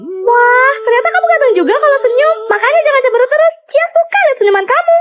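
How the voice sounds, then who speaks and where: A woman's voice: extremely high pitch, expressive, quick pace. A woman voicing a cheerful, chatty little girl who speaks sweetly. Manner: sweet, friendly.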